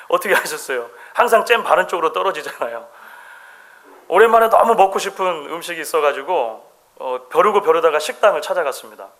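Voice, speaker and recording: A middle-aged man preaching a sermon in a church, his voice bright and lively with wide swings in pitch. He tells everyday stories and acts out the quoted lines, stretching them slowly for emphasis. His voice sits a bit high for a man. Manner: storytelling, quotes voices with dramatic slow emphasis. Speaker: pastor. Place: church sanctuary.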